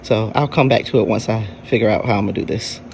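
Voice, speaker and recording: A man's voice: on the low side, fast talker, gravelly. A man giving casual, plain-spoken narration of his own car repair, explaining it step by step as he works. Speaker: DIY car repair vlogger. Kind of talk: casual hands-on narration to camera. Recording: noisy workshop with vehicle-like background noise.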